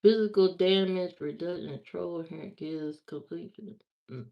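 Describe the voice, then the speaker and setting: A woman from Indiana with a lowish, gravelly voice takes her time chatting casually on a livestream. She answers viewer comments and repeats herself as she talks back to them, and the lo-fi stream audio sounds slightly muffled.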